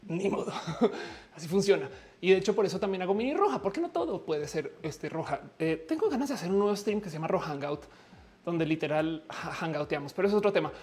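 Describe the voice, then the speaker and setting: Una mujer con acento mexicano que conduce un directo en línea, charlando de forma informal y bromista, con muchas muletillas y frases que arranca de nuevo. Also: female voice, fairly low pitch, animated, fast talker, darkish tone. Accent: Mexican Spanish. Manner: chatty, joking, many fillers and restarts. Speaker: livestream host. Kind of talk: casual live-stream chat.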